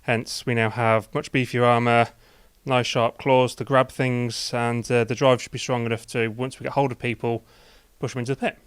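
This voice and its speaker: Clear-voiced middle-aged man, plain-spoken. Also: mid-range voice, level tone, moderate pace, hardly any pauses, no echo, clean studio sound. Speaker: team captain, competitor. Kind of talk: interview answers.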